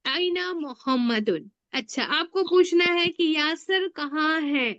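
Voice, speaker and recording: Woman teacher from india, high voice, slow and patient, dull dry sound. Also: a bit bright, no room sound. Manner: patient, drills words slowly, asks students questions. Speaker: Arabic grammar teacher. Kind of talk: online class teaching. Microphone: online class audio.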